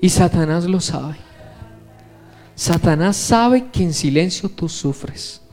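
A preacher delivers a fervent sermon, piling up rhetorical questions at the congregation. The voice sits at a middling pitch, and soft music plays faintly underneath. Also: expressive, slow. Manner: impassioned, many rhetorical questions.

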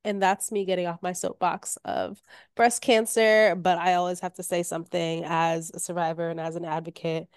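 A woman in her thirties talking casually and candidly as a podcast guest while sick and slightly hoarse. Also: on the low side, level tone, moderate pace, no room sound, clean studio sound. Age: 30s. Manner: chatty, candid. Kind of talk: casual chat.

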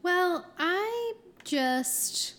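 A young woman giving her views on a panel podcast in a measured, thoughtful way. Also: very high-pitched, expressive, a bit bright. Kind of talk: casual chat.

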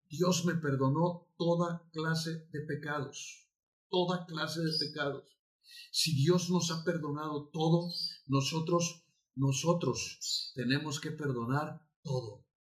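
A pastor delivers a passionate sermon. His voice is mid-pitched, and he hammers points home through repetition. He bursts out loudly at the climaxes. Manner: emphatic preaching with repetition and sudden loud outbursts. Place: church altar.

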